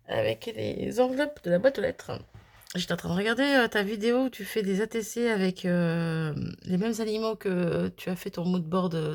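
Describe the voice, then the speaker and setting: Woman from France, crafting vlogger, chatty, laughs at her slip-ups, middle pitch. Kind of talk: casual chat showing cards.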